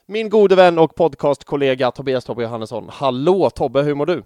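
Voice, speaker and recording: A man's voice: a little high, expressive, darkish tone, no echo, studio quality. A man hosting a podcast in casual chat, rambling and poking fun at himself. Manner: chatty, rambling, self-mocking. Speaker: podcast host.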